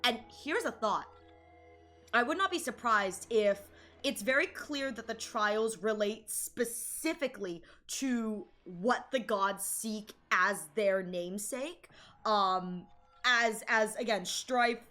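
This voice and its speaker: A young adult woman streaming a game live, gushing and excitable as she reacts, often stammering over her own restarts. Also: a little high, slow, faint music behind.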